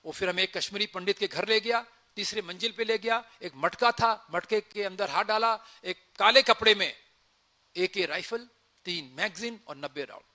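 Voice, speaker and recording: A former army officer tells a story from his service, acting out the dialogue in a lively retelling. His male voice sits high and moves at a normal speed.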